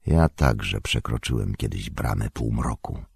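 A man voicing a sombre, haunted male ranger in an audiobook, speaking quietly and heavily. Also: low-pitched, animated, a little slow, husky, no echo, studio quality, exaggerated voice. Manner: quiet, heavy. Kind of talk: audiobook character reading.

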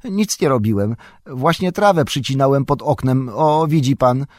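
A man voices a frightened young male hobbit gardener who pleads eagerly in a flustered mood, lightly acted and pitched above his own voice. His mid-range, darkish voice moves at a moderate pace, recorded in studio quality with no echo.

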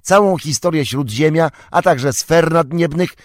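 A man voicing a curious, eager young male hobbit in an audiobook, raising his voice and asking quick questions. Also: on the high side, no room sound, voice pushed up, natural voice. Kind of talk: audiobook character reading.

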